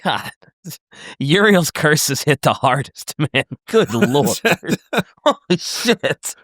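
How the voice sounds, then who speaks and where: Animated man joking on a podcast. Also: on the high side, no room sound, studio quality. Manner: animated, swearing, riffing with jokes and quick asides. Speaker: podcast co-host. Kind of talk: casual chat.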